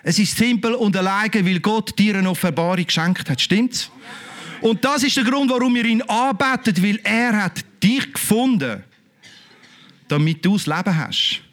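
Man, Swiss German accent, middle-aged, pastor giving a sermon, high voice, fervent, exclamatory, rhetorical questions. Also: expressive, normal speed, fairly bright tone.

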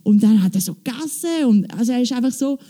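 A woman telling a church testimony on stage, animated, quoting dialogue in a chatty way. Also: on the high side, fast. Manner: animated storytelling, quoting with "ich so, sie so". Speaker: church member giving testimony.

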